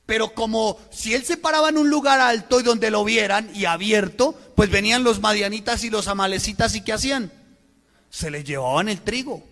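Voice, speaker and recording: A man preaches a sermon in a church, his voice sitting high for a man. He reads scripture and keeps asking his listeners questions in an expressive delivery. A long hall reverb trails each phrase. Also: moderate pace. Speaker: pastor.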